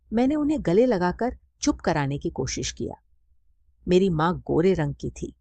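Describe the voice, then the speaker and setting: Woman storyteller, low voice, lively intonation, husky, gravelly. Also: dry recording. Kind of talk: scripted first-person story narration.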